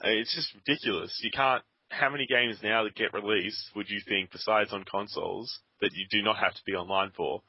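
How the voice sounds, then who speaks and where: Grumbling low-voiced man gaming. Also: brisk, hardly any pauses, slightly rough, no echo. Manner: rambling, grumbling, sarcastic. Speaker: co-host playing a game. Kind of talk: casual gaming chat. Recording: dull lo-fi dry sound.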